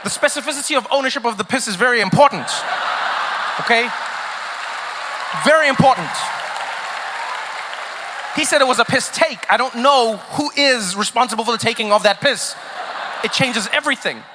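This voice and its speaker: Comedian guy doing standup, high bright voice, big echoey hall, swings loud then quiet. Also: fast talker, a crowd in the background, background noise. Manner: animated storytelling, shifting between loud bursts and quiet asides.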